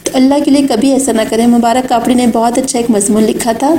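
A woman's voice: a little high, steady tone, dark tone, a little hiss or hum. A woman giving an Islamic lecture, speaking in an earnest, exhorting way. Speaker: religious speaker. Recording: echoey room.

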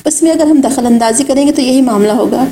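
A woman's voice: high-pitched, dark tone, a little hiss or hum. A woman giving an Islamic lecture, speaking in an earnest, exhorting way. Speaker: religious speaker. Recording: echoey room.

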